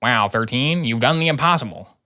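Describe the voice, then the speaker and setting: A man's voice: medium pitch, animated, fairly quick, bright, forceful tone. A man playing sardonic, dry Doctor House. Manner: dry, sarcastic. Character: sardonic male doctor, blunt, gallows humour. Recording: music behind the voice.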